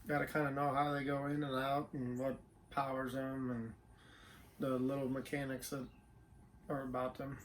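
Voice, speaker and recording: A man's voice: mid-range voice, monotone, moderate pace, low-quality recording. A man co-hosting a casual chat inside a small camper trailer, plain-spoken and laconic, with faint noise behind him. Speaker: co-host.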